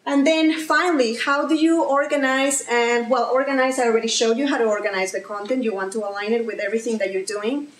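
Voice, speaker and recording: A woman's voice: on the high side, fast talker, few pauses. Upbeat woman with a Mexican accent. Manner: lively, upbeat, with fillers and restarts. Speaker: presenter. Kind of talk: live presentation to an audience. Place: presentation room with an audience. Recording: echoey room, faint ambience.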